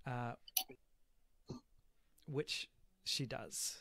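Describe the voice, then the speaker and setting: A man running a tabletop game as game master over a call from home, halting with many fillers. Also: mid-range voice, pushed and bright, no room sound. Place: home bedroom. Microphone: home remote-call mic.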